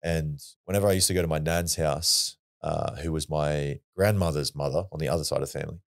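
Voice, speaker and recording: A man's voice: rumbling low, fairly even intonation, brisk, gravelly. An Australian man, a podcast guest, telling a personal story in a blunt, earnest way and swearing freely. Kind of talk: casual storytelling.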